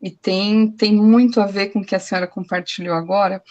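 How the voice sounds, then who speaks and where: A woman's voice: mid-range voice, steady tone, brisk, a little mellow, dull audio. A woman in a prayer group sharing a testimony over a video call, earnest and emotional, with hesitant restarts. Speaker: group member.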